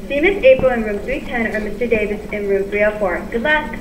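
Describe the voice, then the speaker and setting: A woman's voice: a little high, fairly quick. A woman reading school announcements in an upbeat, sing-song manner, heard over a school intercom speaker. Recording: echoey, distant, noisy intercom.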